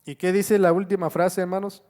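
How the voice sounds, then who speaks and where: A man's voice: sits high, little pitch movement, fairly quick, darkish tone. A middle-aged man preaching a sermon in a church, repeating phrases, asking his listeners questions and calling them brothers. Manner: repetitive exhortation with frequent "gloria a Dios"; addresses congregation as brothers, rhetorical questions.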